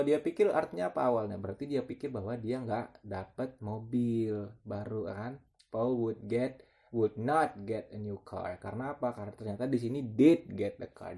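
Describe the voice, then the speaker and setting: A man teaching a TOEFL listening lesson in a relaxed, slangy way, with fillers and quick self-corrections. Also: medium pitch, gravelly. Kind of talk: casual explanatory lesson.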